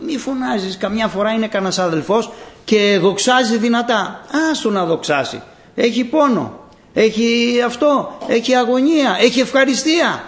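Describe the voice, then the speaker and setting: High-voiced fervent male preacher. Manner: fervent, repetitive exhortation with sudden swings in loudness. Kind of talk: sermon.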